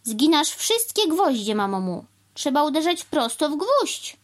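A shrill, fussy male crow, put on by a woman reading a children's story, lecturing in a high voice that leaps up and down. He spells things out slowly, word by word, sure that he alone knows the proper way of things. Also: big pitch swings. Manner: lecturing, slow and overly clear.

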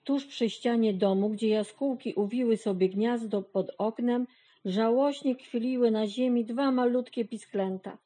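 A woman narrating a children's storybook in a gentle, measured way. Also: fairly high pitch.

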